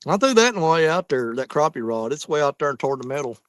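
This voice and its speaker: A man's voice: on the high side, sing-song, quick pace, no echo. A man with a Southern US accent and a folksy drawl, chatting casually while out fishing. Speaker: fishing vlogger. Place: outdoors on a small fishing boat.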